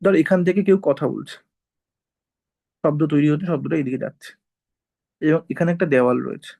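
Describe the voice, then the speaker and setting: A man teaching an informal class, walking students through each point and pausing to check they follow. His voice is gravelly with a fry, and it sits a little above the usual male pitch. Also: warm tone, low-quality recording. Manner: explains step by step, often checks with "ঠিক আছে?".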